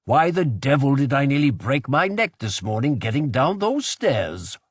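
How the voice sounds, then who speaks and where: A gruff, demanding resistance leader, voiced by a male narrator. He sounds brusque and impatient. The recording is dry and close. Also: mid-range voice, very animated, normal speed, no echo.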